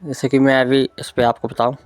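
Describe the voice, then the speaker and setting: A man's voice: medium pitch, little pitch movement, a little fast, a little mellow, dry recording. A man giving an informal spoken tech tutorial, explaining step by step and often checking in with the listener. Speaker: tutorial presenter.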